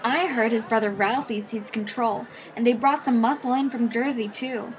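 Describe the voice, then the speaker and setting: Cocky high-voiced schoolgirl vigilante Hit-Girl, played by a woman. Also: normal speed, a little hiss or hum, lightly acted, rough recording. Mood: cocky, eager. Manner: matter-of-fact, cocky, foul-mouthed. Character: brash, tough schoolgirl vigilante, fiercely devoted to late father. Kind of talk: comic dub narration and dialogue. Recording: music behind the voice.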